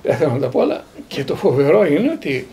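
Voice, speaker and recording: A man in his sixties from Greece, a priest and theologian, tells his own stories in a fairly high voice that rises and falls a great deal. A gravelly rasp runs through his speech. He quotes the people in his stories and often repeats words as he builds to a point. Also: slight background noise. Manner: lively storyteller who quotes others and repeats words. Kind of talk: recounting personal memories.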